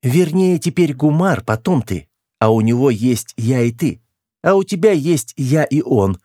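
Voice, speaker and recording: A man reading an audiobook, voicing a stern, bossy young woman who gives sharp, commanding orders in a pitched-up voice. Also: lively intonation, unhurried, dry recording, studio quality.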